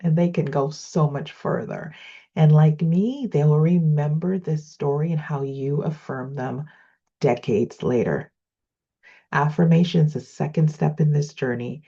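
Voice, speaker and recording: Middle-aged woman from Trinidad, educator, husky low voice, earnest reflective storyteller, lo-fi sound. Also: warm tone. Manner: earnest, measured, with slowed emphatic phrases. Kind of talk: reflective personal storytelling lesson. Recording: slightly dull lo-fi recording.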